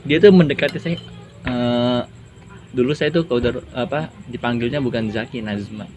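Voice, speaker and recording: A man's voice: medium pitch, moderate pace, a little mellow, faint music behind. A young man chatting casually as a guest, telling anecdotes with laughs and Islamic expressions. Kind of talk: casual interview. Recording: noisy background.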